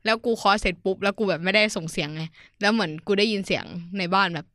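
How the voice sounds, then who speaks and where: A woman's voice: medium pitch, fast, no echo, clean studio sound. A young woman co-hosting a casual podcast chat, telling stories with crude slang and acting out voices. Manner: lively storyteller, acts out quoted voices, crude slang. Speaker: podcast co-host. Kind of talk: casual chat among friends.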